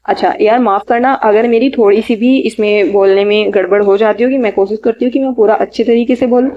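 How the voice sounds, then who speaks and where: A woman teaching exam vocabulary, listing synonyms in short bursts and adding quick study tips. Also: fairly high pitch, steady tone, dull audio. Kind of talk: reading out synonym lists for an exam lecture.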